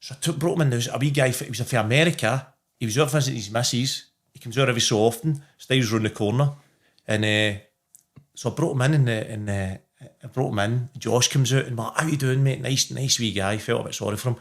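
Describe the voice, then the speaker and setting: A middle-aged man speaks in a broad Glasgow street accent, spinning casual anecdotes. His mid-pitched voice is animated and sweary, and he re-enacts both sides of conversations as he goes. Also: fast.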